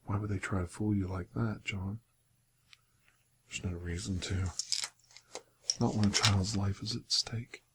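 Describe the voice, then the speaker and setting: A man in an ASMR role-play, voicing a sly, menacing interrogator who is a time-travelling doctor, questioning and bargaining deliberately. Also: on the low side, fairly even intonation, noisy background. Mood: probing, persuasive.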